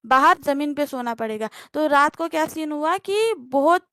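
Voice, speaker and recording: A woman's voice: high-pitched, animated, moderate pace, fairly bright tone, no room sound, clean studio sound. A young woman telling her story on a livestream call, rambling and hesitant, with many fillers and restarts.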